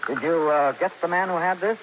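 An actor playing a calm, kindly male hospital doctor in an old radio drama. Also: a little high, a little fast, natural voice. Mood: businesslike. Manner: calm, reassuring. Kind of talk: 1950s radio drama acting. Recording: muffled old radio recording with hiss.

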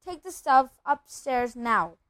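A woman's voice: on the high side, unhurried, lightly acted. A woman voicing a short-tempered, bullying middle-aged uncle who barks and sputters, in a storybook reading. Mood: curt. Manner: barking, sputtering outbursts.

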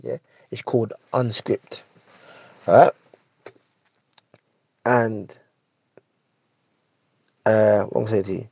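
A man's voice: lowish voice, fairly even intonation, very slow, pauses often, darkish tone, husky, rough recording. A man with a London roadman accent and urban street slang gives a casual, opinionated monologue as a host, repeating phrases for emphasis and checking that listeners follow. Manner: emphatic, repeats phrases, seeks agreement with tag questions. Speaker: podcast host.

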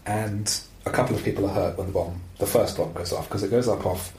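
A man's voice: fairly low pitch, a little fast, roomy sound, slight background noise, rough recording. A man hosting a podcast who discusses a film in a casual, rambling way with plenty of fillers. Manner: rambling, animated, with frequent fillers. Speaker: podcast host.

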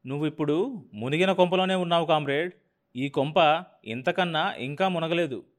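A man's voice: fairly high pitch, moderate pace, pitched above the performer's own voice, lightly acted. A man voicing a brash, scheming male TV channel boss who talks down to his staff in a mocking, domineering way.

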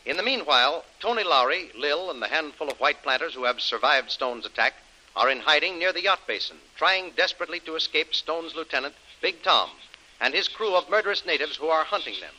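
A man's voice: fairly high pitch, animated, a little fast, sharp tone, low-quality recording. A man narrating an adventure serial in dramatic announcer style. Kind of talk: scripted radio serial narration.

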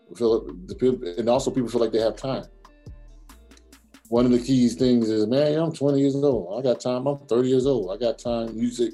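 A man as an interview guest, speaking reflectively with a husky voice and drawn-out phrasing. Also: lowish voice, mellow. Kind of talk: casual interview chat.

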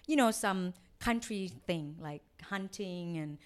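A woman's voice: lowish voice, slow. A young adult woman from Thailand, a podcast guest talking casually and laughing often. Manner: laughs often, loose playful talk. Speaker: guest, private chef. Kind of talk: casual chat.

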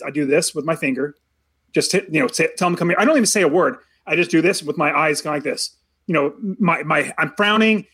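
A middle-aged man co-hosting a podcast in casual chat, animated and acting out parents yelling. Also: on the high side, breathy edge. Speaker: podcast co-host.

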